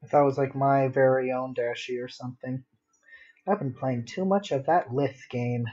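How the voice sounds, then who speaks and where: His medium-pitched, darkish voice stays steady at a moderate pace as this livestream host draws and talks casually. He mutters to himself self-deprecatingly at home with a dog nearby, over dull lo-fi audio.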